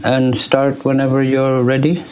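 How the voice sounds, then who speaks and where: A man's voice: mid-range voice, monotone, measured pace, noisy background. A man chairing a council meeting in a formal, matter-of-fact procedural manner. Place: city council meeting room.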